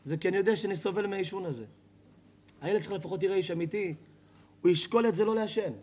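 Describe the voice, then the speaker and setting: A man, a rabbi, giving a lively sermon to a live audience, telling stories, asking the audience questions and joking. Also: high voice. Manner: animated storytelling, asks the audience questions, jokes. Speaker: rabbi giving a Torah lecture. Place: hall with an audience.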